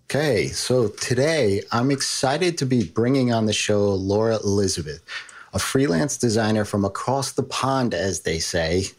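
A man's voice: fairly low pitch, animated, unhurried, faint music behind. Man, New York accent, podcast host, upbeat, interview style. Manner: upbeat, promotional.

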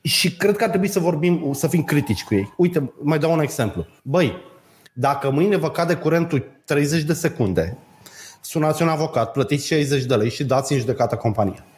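A man's voice: fairly high pitch, animated, darkish tone. Slangy ranting man in casual chat.

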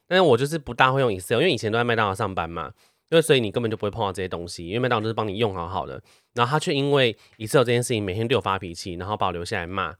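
A man's voice: on the low side, no room sound, clean studio sound. A young man, telling a workplace story in a casual podcast chat. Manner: rapid-fire anecdote teller, animated. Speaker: podcast co-host.

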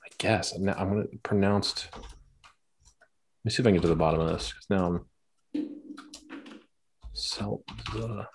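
A man with a lowish voice trades teasing, wry banter as a sports podcast co-host. His talk is relaxed and conversational. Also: quick pace, long pauses, slight background noise. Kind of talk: casual sports chat.

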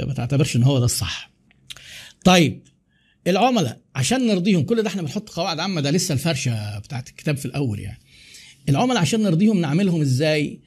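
Fast-talking husky Egyptian man. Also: on the high side. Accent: Egyptian Arabic. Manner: fast, conversational, animated asides. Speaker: podcast host. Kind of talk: casual monologue on business.

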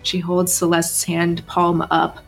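A woman's voice: lowish voice, monotone, slow pace, vocal fry, faint music behind. A woman narrating as game master of a tabletop role-playing game.

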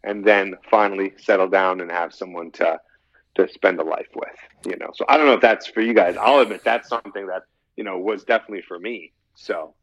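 A low-pitched man in his thirties, a dating coach guesting on a podcast, keeps a steady tone while talking a little fast, with slight brightness. He rambles casually and at length, often reusing phrases. The sound is dry with no echo, dull, and faintly lo-fi.

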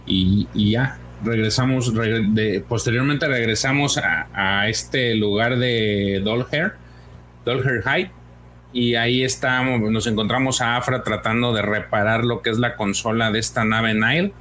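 A man's voice: mid-range voice, steady tone, a little slow, fairly bright tone, slight background noise. A man co-hosting a comics podcast, recapping a story in casual chat with many fillers and acted-out lines. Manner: hesitant, many fillers, acts out dialogue.

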